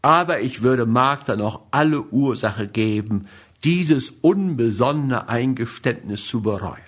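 A man reading a first-person novel aloud in a measured, grave manner. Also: mid-range voice, animated. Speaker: audiobook narrator. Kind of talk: first-person literary narration.

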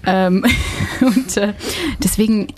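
A woman's voice: mid-range voice, slow, a crowd in the background. A woman from Belgium hosting a casual radio chat, searching for words and laughing often. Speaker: radio host.

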